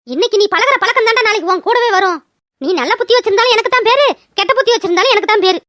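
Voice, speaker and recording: A woman's voice: very high voice, a bit bright. A woman voicing a stern village mother who lectures and scolds her children, in a cartoon. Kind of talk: cartoon voice acting.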